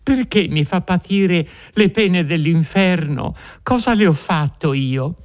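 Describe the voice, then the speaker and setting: A frightened young peasant woman, as a male reader puts her on, her voice pitched high and trembling with desperate pleading. She speaks slowly, imploring her captor for mercy in a storybook reading. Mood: terrified.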